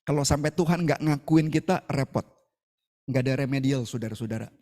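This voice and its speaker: A male pastor giving an animated, conversational sermon, often asking the congregation questions. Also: mid-range voice, fairly quick, big-room sound.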